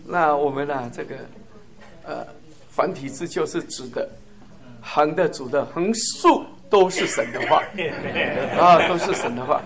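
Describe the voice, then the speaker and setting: Man preaching to the congregation, kinda high voice, fervent, laughs a lot as he goes. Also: animated, unhurried, crowd noise. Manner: fervent, chuckling, emphatic lists. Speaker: church speaker. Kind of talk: sermon testimony.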